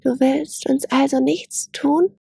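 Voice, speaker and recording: A woman's voice: sits high, steady tone, slow, creaky, dark tone, no room sound, clean studio sound, pitched above the performer's own voice, full character voice. Woman playing a timid young gazelle fawn. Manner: hesitant, cautious questions.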